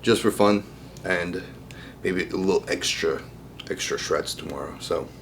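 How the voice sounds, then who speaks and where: A young man from Ukraine vlogging his bodybuilding prep in a relaxed, chatty way, full of fillers and restarts. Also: deep voice, measured pace, creaky, slight background noise. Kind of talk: casual vlog talk.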